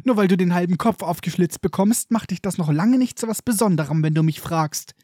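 A man's voice: high-pitched, a little fast, darkish tone, dry recording, studio quality. A man voicing an arrogant teenage schoolboy bully with a mocking, cutting manner. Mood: sneering.

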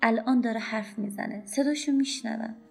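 A woman voicing a distraught, poor young wife who rails loudly and pleadingly at an unseen husband. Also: a little high, gravelly, husky, faint music behind. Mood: bitter. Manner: agitated, loud and pleading.

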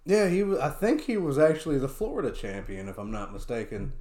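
A man's voice: mid-range voice, big pitch swings, a little fast, warm tone, echoey room. A man in casual podcast chat who rambles and repeats himself, saying "you know" often. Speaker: podcast co-host.

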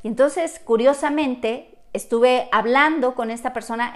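A woman giving a motivational, spiritual monologue in a preachy tone, with rhetorical questions and emphatic repetition. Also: a little high. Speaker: spiritual speaker.

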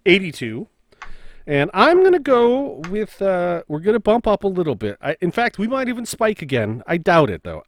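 A man's voice: high voice, no room sound. A man co-hosting a show with casual, playful banter and informal, slangy talk.

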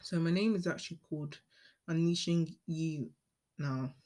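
A woman's voice: low voice, normal speed, mellow. A young woman in her late teens hosting her own podcast, talking casually in a rambling, chatty way with frequent ums and self-corrections. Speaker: podcast host. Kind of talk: casual solo podcast monologue.

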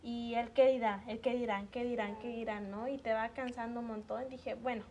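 Mexican woman, lively storyteller. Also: on the high side, moderate pace. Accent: Mexican Spanish. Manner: animated storytelling, acts out quoted dialogue. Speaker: guest. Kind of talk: casual podcast chat.

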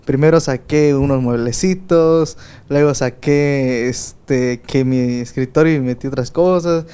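A man's voice: medium pitch, measured pace, warm tone, smooth. A man with a light, boyish voice chatting casually in a home studio, rambling with fillers and laughing often. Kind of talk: casual chat.

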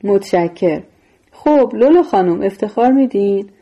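A woman's voice: medium pitch, lively intonation, breathy edge, dull audio. A woman voicing a menacing, coldly sarcastic male gangster boss in a story reading.

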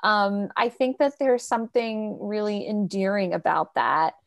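A woman co-hosting a casual movie podcast, rambling with halting restarts and bursts of excitement. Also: mid-range voice, creaky. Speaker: podcast co-host. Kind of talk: casual chat about a movie.

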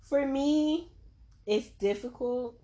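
A young adult woman co-hosting a casual podcast chat, speaking in a measured, thoughtful way. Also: sits high, mellow. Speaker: podcast co-host.

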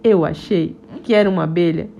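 A woman voicing an excitable, gullible young female bee who chatters eagerly. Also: fairly low pitch, a little fast, vocal fry, lo-fi sound, slight background noise, pitched below the performer's own voice. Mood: excited.

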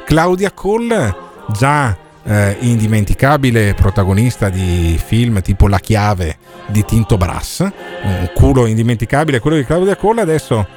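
A man's voice: on the low side, expressive, normal speed, a little mellow, soft background music. A man hosting a morning radio show, joking crudely and filling gaps with hesitations. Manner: bantering, crude, hesitant with many fillers. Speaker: radio host.

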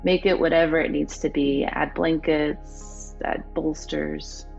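A woman teaching yoga, giving slow, soothing instructions for the final rest and closing. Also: low voice, level tone, creaky. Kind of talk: guided yoga cool-down. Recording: dull lo-fi with faint music. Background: soft background music.

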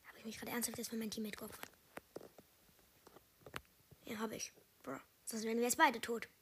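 A woman giving live gameplay commentary, excitable and loud in bursts, slipping in English gamer slang and dropping to quiet asides. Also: fairly high pitch, moderate pace, background noise. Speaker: gaming video host.

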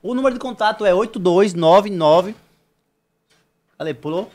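A man's voice: sits high, brisk, a little mellow. A man improvising a hard-sell advert as a show host, addressing listeners directly and pushily. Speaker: podcast host reading a sponsor spot.

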